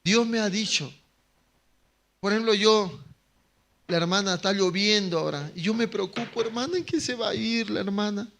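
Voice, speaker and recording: A male pastor with a Bolivian Spanish accent preaching a sermon, talking with the congregation through constant questions, dropping to soft asides and then rising to loud emphatic lines. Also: high voice, a little fast, vocal fry.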